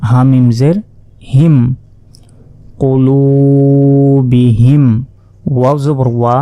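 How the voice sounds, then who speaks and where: A man teaching Quran reading, spelling out Arabic syllables patiently and chanting each word slowly. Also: mid-range voice, steady tone, mellow, dry recording, faint music behind. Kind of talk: spelling out Arabic letter by letter, slow recitation lesson.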